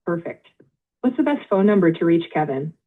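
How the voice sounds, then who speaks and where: An automated woman's voice heard over a thin, tinny phone line. She sits a little low and speaks in polite, measured, scripted prompts, carefully reading details back to the caller. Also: sing-song. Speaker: AI phone intake agent.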